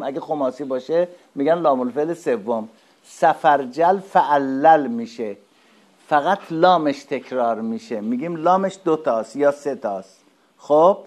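A man giving a lecture, asking questions and answering them himself, and spelling out word forms slowly. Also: a little high, warm tone. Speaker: teacher. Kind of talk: lecture on Arabic grammar.

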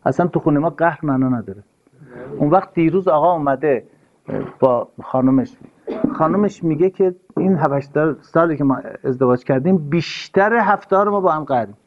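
A man giving an earnest, sermon-style talk, stressing his points and repeating key phrases. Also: fairly high pitch. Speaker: religious speaker. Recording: dull lo-fi recording.

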